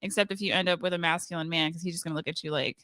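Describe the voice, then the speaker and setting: A woman's voice: lowish voice, steady tone, very fast, bright, forceful tone, no echo, studio quality. A woman chatting casually as a panelist, animatedly acting out quoted thoughts. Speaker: panelist reacting to a recording. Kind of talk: casual commentary chat.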